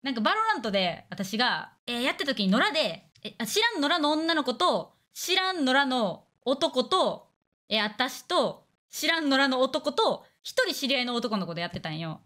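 A woman's voice: high voice, sing-song, bright, forceful tone. A young woman with a Kansai accent, chatting bluntly and crudely on a casual stream. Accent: Kansai Japanese. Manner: blunt, crude, fast banter with acted-out quotes.

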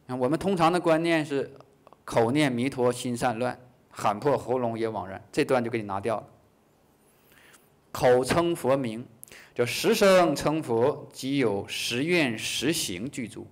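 A man teaching a Buddhist class in a lively way, acting out short dialogues, chuckling, and slowing down on key phrases. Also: mid-range voice. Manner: slows down to stress key phrases. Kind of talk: dharma lecture.

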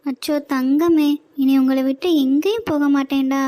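A woman's voice: high voice, moderate pace, noisy background, lightly acted. A woman voicing a tender mother in a cartoon, soothing and coaxing.

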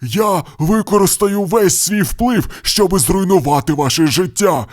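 A woman's voice: fairly low pitch, unhurried, a little mellow, voice pushed up. A woman voicing a cold, scheming rich male lynx in a storybook reading, with an icy, threatening manner. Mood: icy threat.

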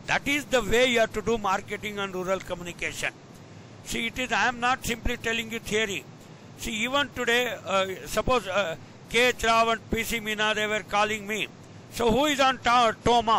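Indian man, lecturer on a video call: bright, forceful voice, questioning and repetitive delivery, slight rumble behind him. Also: fairly even intonation, fairly quick, poor audio. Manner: questioning, prodding the audience, repeating key phrases. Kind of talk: informal online lecture mixing English and Hindi. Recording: rumbly background noise on online call.

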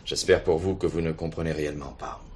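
With a rumbling low voice and steady tone, a male actor voices a rigid, coldly dutiful police superintendent in a French radio play, using formal, measured officialese. Slight background noise is audible.

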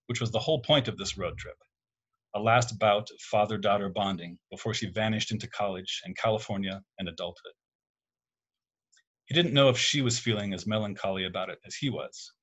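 A man reads his own literary fiction aloud at an even, measured pace. His voice is low with a husky grain. He narrates steadily. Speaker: contest winner reading his story.

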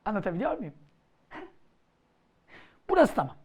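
A woman teaching a grammar lesson for exam preparation, theatrical, with mock scolding and sudden shouts. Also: mid-range voice, very animated, normal speed, husky.

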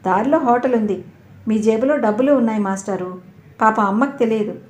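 A woman's voice: on the high side, a little fast, darkish tone, echoey room, lightly acted. A woman voicing a naive, innocent teenage girl in an audio novel, talking earnestly.

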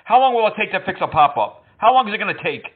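This scam baiter's prank call mocks and teases the scammers, punctuated by frequent laughter. He's high-pitched and husky, talking fast with big pitch swings, and the phone line sounds tinny.

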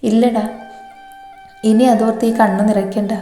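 A woman's voice: on the high side, little pitch movement, normal speed, warm tone, natural voice. A woman voicing a cocky young husband, tender with his wife and swaggering toward his enemies. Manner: teasing, swaggering. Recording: roomy echo, faint music.

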